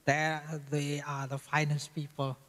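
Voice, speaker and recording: Man moderating Q&A, somewhat high voice, informal, long hall echo. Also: monotone, measured pace, a bit bright. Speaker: session moderator. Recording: reverberant hall.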